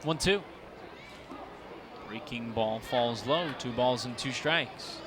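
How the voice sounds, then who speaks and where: A man's voice: medium pitch, takes it slowly. A man with an American accent calling baseball on the radio as a play-by-play announcer. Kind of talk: live baseball play-by-play and sponsor reads. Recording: live ballpark broadcast, loud crowd noise. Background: crowd and outdoor ballpark ambience.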